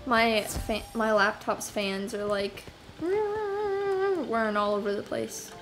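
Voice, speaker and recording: A woman's voice: fairly high pitch, animated, takes it slowly, fairly bright tone, poor audio. A young woman in her apartment, chatting casually and rambling to herself while playing a game, with frequent sighs and fillers. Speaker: gameplay video host. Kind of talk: casual gameplay commentary. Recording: game music clearly behind voice.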